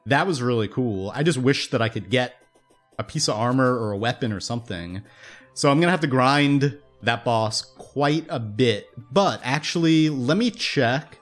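This is a young man talking through a video game, casual and upbeat, often stopping to correct himself mid-sentence. His voice is slightly hoarse, as if he's losing it. Soft game music plays quietly beneath him. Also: medium pitch, animated, moderate pace. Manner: rambling, self-interrupting, upbeat. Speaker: gaming YouTuber. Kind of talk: casual let's-play commentary. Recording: faint game music behind.

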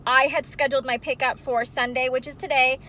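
A woman in her thirties talks chattily into a phone camera held at arm's length, filling pauses with ums as she walks through her day. Her voice sits a little high, and a faint noise runs under the recording. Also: little pitch movement, bright, forceful tone. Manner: chatty, upbeat, many ums. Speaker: vlogger. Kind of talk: casual vlog walkthrough. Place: at home, then in a parked car.

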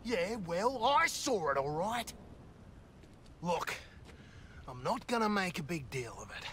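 An actor playing a cocky, crude antihero who trades sarcastic quips in a video game. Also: male voice, sits high, sing-song, slow pace, pushed and bright, a little hiss or hum, heavily acted. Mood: dry.

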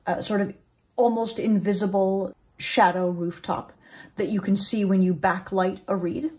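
A woman in her forties talks through oboe reed making in a thoughtful, explanatory way, pausing with ums and restarting phrases. Her voice sits at an ordinary middle pitch. She records in a small room at home in front of a desk camera. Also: darkish tone. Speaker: oboe teacher. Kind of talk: instructional video.

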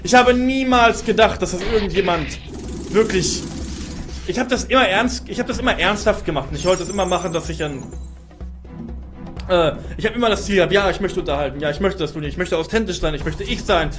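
A young man streaming and commenting live on a video game, expressive, often tripping over repeated words. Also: sits high, brisk, soft background music. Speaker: let's-play streamer.

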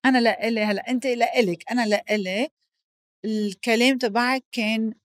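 A woman's voice: a little high, fairly even intonation, a little fast, no echo, studio quality. A woman with a Lebanese accent hosting a podcast, talking in a heartfelt, emphatic way and mixing in English phrases. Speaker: podcast host. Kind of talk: casual podcast chat.

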